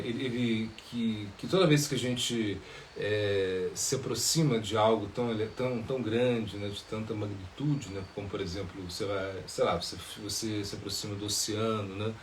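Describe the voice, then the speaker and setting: A man, a monk, answering questions in a live spiritual talk, pausing often with filler sounds and tag questions. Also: mid-range voice, slight background noise.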